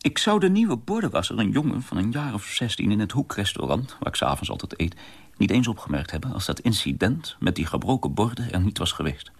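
A man's voice: fairly low pitch, big pitch swings, brisk, creaky, breathy edge. A man reading a first-person diary novel for radio in an introspective way, often dropping to a near-whisper.

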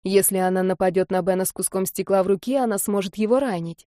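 A woman narrating an audiobook in a measured, even storytelling manner on a close studio mic. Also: medium pitch, no echo.

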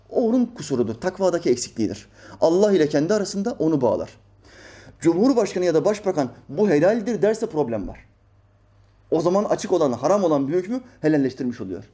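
A man's voice: on the high side, big pitch swings, fast talker, dark tone, husky. A man preaching in a religious commentary talk, reading out news quotes and answering them with emphatic rhetorical questions.

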